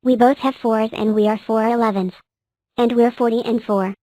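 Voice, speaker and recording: A woman doing a gentle cartoon number. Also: on the high side, fairly even intonation, moderate pace, no room sound, lightly acted. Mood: earnest. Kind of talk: fan cartoon voice acting.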